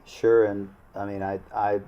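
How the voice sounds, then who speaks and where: A man, a local government official in a studio panel conversation, speaking earnestly and haltingly with many restarts. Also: lowish voice, flat delivery, dark tone, muffled recording. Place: small TV studio.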